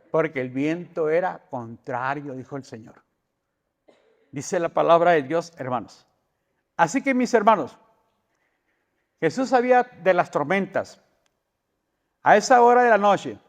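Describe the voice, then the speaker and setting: A man preaching a sermon as pastor, asking the congregation questions and building emphasis. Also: fairly high pitch. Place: church hall. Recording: long church hall reverb.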